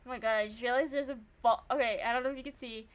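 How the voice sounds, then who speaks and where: Streaming a game, a young woman talks very fast in a slightly high voice, going back and forth between reading the narration and lively, offhand commentary. She pokes fun at herself and swears freely.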